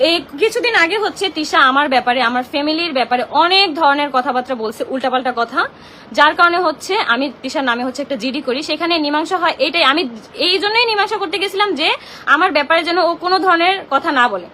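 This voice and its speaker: A young Bangladeshi woman talks in a very high voice on her phone during a live stream, her tone bright and piercing. She complains in an agitated, confrontational way. A faint noise runs behind her. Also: fast. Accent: Bangladeshi Bengali. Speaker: social media livestreamer. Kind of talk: emotional live-stream rant.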